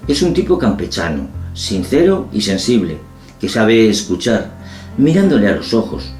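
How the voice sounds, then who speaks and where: A man with a low voice hosts an interview, speaking in a measured, formal way. His words ring out in a roomy space. Faint guitar music plays underneath. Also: very animated, darkish tone. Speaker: interviewer and host. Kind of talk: scripted introduction then interview.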